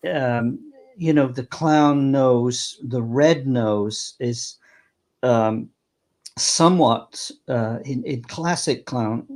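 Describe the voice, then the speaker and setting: A man's voice: mid-range voice, a little mellow. An older man, a clown performer, reminiscing in an interview in a rambling way, with many halts and restarts.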